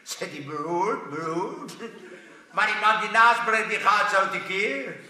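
A man telling a string of jokes to a live audience, acting out the characters in a lively way. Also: high voice, normal speed. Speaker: stand-up comedian. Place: theater stage with a live audience. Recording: echoey hall from far off.

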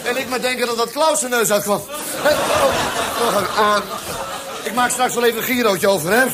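A man's voice: very high-pitched, moderate pace, a loud crowd. A man performing a rambling, absurd cabaret monologue on stage, full of hesitant fillers. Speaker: stand-up comedian. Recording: live recording with audience and background noise.

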